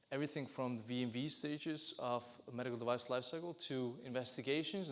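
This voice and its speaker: Man giving a conference talk. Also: mid-range voice. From Iceland. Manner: steady explanatory delivery with occasional restarts. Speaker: business development lead presenting at an industry event. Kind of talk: conference presentation.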